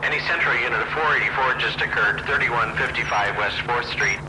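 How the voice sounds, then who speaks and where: A male police dispatcher crackles over a police radio in a game, reading out calls in a flat, clipped way. Engine and street noise sit clearly under the radio voice. His pitch sits at a middle height for a man. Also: brisk. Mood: businesslike.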